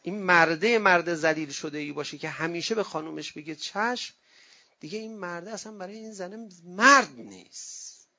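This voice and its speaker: Male cleric, high raspy voice, lively anecdotal sermon that mimics other people's voices, muffled lo-fi sound. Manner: lively storyteller who acts out quoted voices.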